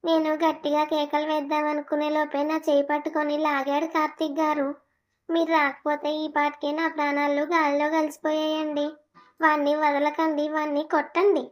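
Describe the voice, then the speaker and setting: A woman's voice: high-pitched, monotone, normal speed, close to an everyday voice. A woman voicing a mistreated young wife who pleads tearfully in a cartoon drama. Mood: urgent.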